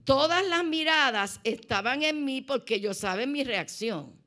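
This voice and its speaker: A middle-aged woman with a Puerto Rican Spanish accent tells her conversion story with lively, animated storytelling. Her voice sits slightly high, and she acts out the people she quotes. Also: unhurried. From Puerto Rico. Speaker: church member sharing testimony. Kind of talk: personal testimony in conversation.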